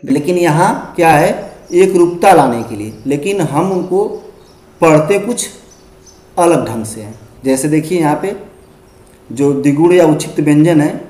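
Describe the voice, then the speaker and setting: Man teaching grammar, super slow and patient, keeps repeating stuff, echoey classroom sound. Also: fairly high pitch, mellow. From Uttar Pradesh, India. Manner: patient, repeats words and checks with "ठीक है". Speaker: school teacher. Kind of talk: Hindi grammar lesson.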